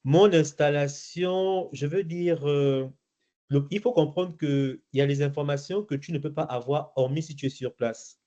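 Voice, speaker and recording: A middle-aged man from Gabon answers interview questions as a guest, hesitating with many fillers and restarts. His voice is on the high side, unhurried and dark in tone, captured in a muffled, lo-fi recording.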